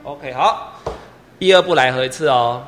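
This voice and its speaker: At a moderate pace, a man with a mid-range voice runs a choir rehearsal, patiently repeating instructions. He counts the singers in and sings lines as examples. The recording has long hall reverb, with piano accompaniment in the background.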